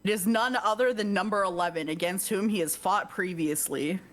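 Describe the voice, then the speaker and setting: A woman talks fairly quickly in a medium-pitched, fairly bright voice. Reading a visual novel's text on stream, she keeps an even tone and repeatedly pauses for jokes and laughter with her co-player.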